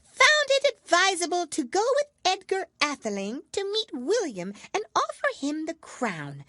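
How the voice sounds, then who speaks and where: Storybook mouse: squeaky-high, self-important, prickly schoolmaster manner, dry close recording. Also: female voice, a bit bright, dry recording, heavily acted. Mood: cross, pompous. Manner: pompous, authoritative, polite but cross. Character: self-important, easily offended mouse lecturing drily on history. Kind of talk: storybook character voice.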